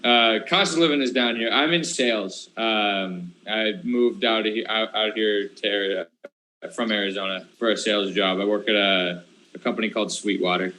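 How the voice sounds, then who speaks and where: A man's voice: on the low side, normal speed, sharp tone, slight background noise, rough recording. A man chatting casually as a guest on a live stream, easygoing and rambling. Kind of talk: casual chat.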